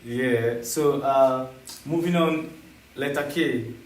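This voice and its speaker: A man's voice: medium pitch, takes it slowly, distant mic. Blunt, impatient man in an echoey room. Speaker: learner quizzing an AI. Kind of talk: casual chat.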